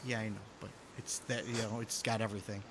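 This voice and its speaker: A man's voice: on the low side, flat delivery, fast, crowd noise. A man hosting a casual hockey podcast with friends, reading out listener questions and joking along, sometimes tripping over players' names. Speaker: podcast host.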